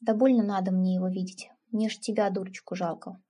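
A woman's voice: medium pitch, fairly even intonation, fairly quick, dark tone, husky, lightly acted. A woman voicing a blunt, stubborn older village aunt who scolds and mocks in folksy speech. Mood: mocking.

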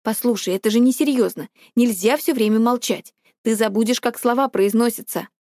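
A woman reading a gentle, coaxing teenage girl. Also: on the high side, fairly quick, no room sound, clean studio sound, close to an everyday voice.

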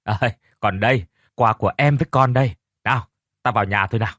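A man's voice: fairly low pitch, fast, a bit bright, no room sound, clean studio sound. A man doing a secretive young husband. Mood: gleeful.

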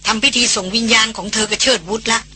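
A man's voice: sits high, steady tone, fast talker, bright, forceful tone, a little hiss or hum. A narrator voicing a good-humored male expedition leader who chats cheerfully in a storybook reading. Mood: jovial.

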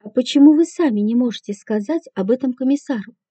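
A strict, proper hotel manager woman with curt, stern replies, as a female audiobook narrator voices her. The voice sits high, the timbre is very dark and mellow, and the recording is dull and dry. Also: fast talker, husky, no echo.

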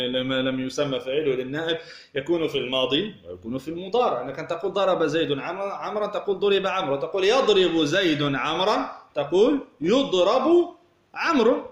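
A man from Tunisia teaching a grammar lesson. He asks rhetorical questions, repeats words as he explains, and says example words slowly. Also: on the high side. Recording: echoey room.

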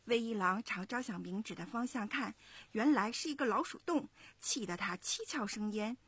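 A woman in her thirties, a mother, narrating a children's story in an expressive, measured way. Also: mid-range voice, slightly rough, no echo. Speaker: parent storyteller.

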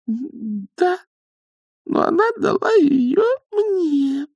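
A man voicing a squeaky, timid young witch. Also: big pitch swings, drawn-out words, gravelly, a little mellow, no echo, lo-fi sound, heavily acted. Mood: stubborn. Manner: squeaky, faltering.

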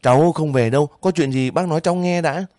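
A man's voice: a little high, fast talker, mellow, no room sound, pitched above the performer's own voice, lightly acted. A man voicing a young soldier on leave who pleads and questions anxiously in a spoken story. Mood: alarmed. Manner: anxious, breaking voice.

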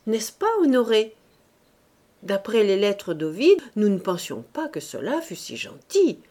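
A woman's voice: medium pitch, big pitch swings, unhurried, warm tone. A woman reading the part of a fussy, chattering lodger wife in an audiobook, in an eager, wheedling manner.

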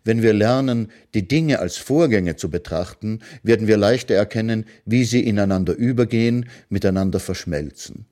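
For a literary reading on the radio, a man with a lowish voice calmly and steadily reads aloud short philosophical prose he wrote himself.

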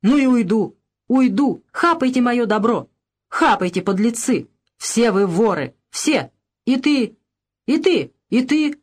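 Woman putting on a hoarse raging old peasant man. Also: fairly high pitch, measured pace. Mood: furious. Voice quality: hoarse, wheezing shouts. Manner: yelling in a rage. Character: furious greedy rich old peasant man.

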